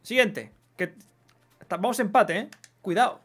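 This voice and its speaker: A man's voice: high-pitched, moderate pace, a bit bright. Chatty streamer man. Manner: chatty, swears casually, reads chat aloud. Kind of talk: casual live gameplay chat.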